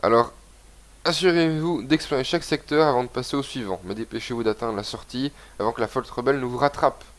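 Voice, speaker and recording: This gaming video host is a young man with a congested cold, talking a little fast in a mid-range voice. He gives rambling, casual let's-play commentary while playing a video game and reading its text aloud.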